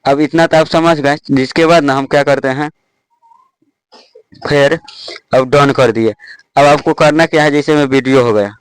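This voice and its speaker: A man's voice: a little high, fairly even intonation, moderate pace, long pauses, smooth, dry recording, low-quality recording. A young man casually walking viewers through an app, step by step, with lots of "dekhiye" and "thik hai". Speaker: tech tutorial host. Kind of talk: casual screen-recorded app tutorial.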